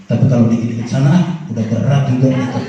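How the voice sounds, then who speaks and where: Guy preaching to moms, voice jumps high then low, sounds far off in a big echoey hall, kinda muffled. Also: racing, slight background noise. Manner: animated, swings between high and low pitch, addresses audience as "Bu". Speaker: Islamic preacher. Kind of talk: sermon on parenting to mothers. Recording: echoey, distant, dull lo-fi hall recording.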